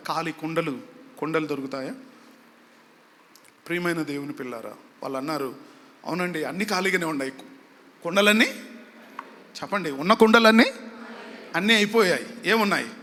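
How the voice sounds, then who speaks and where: A man's voice: on the high side, bright, forceful tone. A man pastor preaching a sermon, dramatic and repetitive, calling on the congregation to answer back. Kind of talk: Telugu sermon with call-and-response. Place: large church hall. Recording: long hall reverb, faint background noise.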